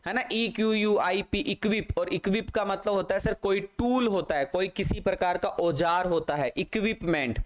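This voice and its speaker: A man with a high, clear, smooth voice teaches a vocabulary lesson. He spells each word out slowly, letter by letter, and addresses his students fondly as "beta". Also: poor audio. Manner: spells words out letter by letter, slow and drawn out, calls students "beta".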